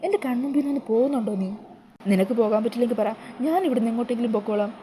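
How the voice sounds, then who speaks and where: A woman's voice: fairly high pitch, very fast, mellow, a little hiss or hum, natural voice, poor audio. A woman voicing an irritable, troubled middle-aged mother in a retold TV serial. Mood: angry. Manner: curt, snapping.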